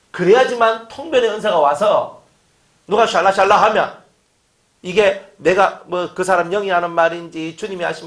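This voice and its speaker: A man's voice: fairly high pitch, gravelly. A man preaching a sermon, firing off rhetorical questions and acting out quotes. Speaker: pastor. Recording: echoey room.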